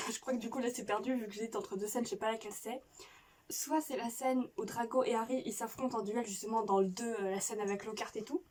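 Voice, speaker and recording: Her fairly high, darkish voice comes through a bit far from the microphone over faint noise as she plays a quiz game on YouTube. She rambles casually, keeps restarting sentences and justifies herself along the way.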